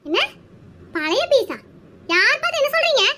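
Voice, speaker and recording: A woman voicing a shrill, nagging village housewife in a cartoon. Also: very animated, very noisy. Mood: scolding. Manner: shrill, nagging, quick to scold. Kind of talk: animated cartoon dialogue.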